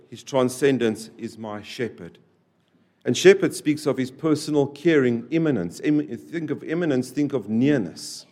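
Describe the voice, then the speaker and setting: A man preaching a sermon to a church, repeating key phrases and swinging between loud, stressed lines and quiet, dropped endings. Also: mid-range voice. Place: church service.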